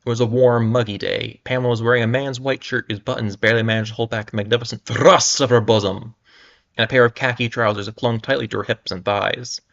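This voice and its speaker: A man's voice: medium pitch, fairly even intonation, fast, creaky, fairly bright tone. A young man reads a pulp novel aloud for a livestream audience, breaking off for wry, amused asides and tripping over words. His voice sits in an ordinary middle register, and the sound is dull and lo-fi, like a home stream. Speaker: livestream reader. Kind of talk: casual dramatic reading with mocking asides.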